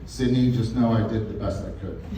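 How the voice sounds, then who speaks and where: A man's voice: fairly low pitch, fairly even intonation, brisk, crowd noise. An older man giving a father of the bride speech in a folksy, wry and sentimental way. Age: 50s or older. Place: large echoing event room at a wedding reception. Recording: echoey, noisy room, distant mic.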